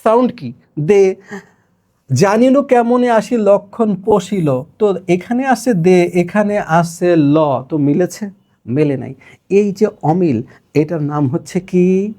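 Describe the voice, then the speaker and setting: A man with a high, mellow voice teaches a poetry lesson. He explains each point step by step, often stops to check that his students follow, and slows down to recite lines of verse. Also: lively intonation. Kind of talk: classroom lecture on poetry.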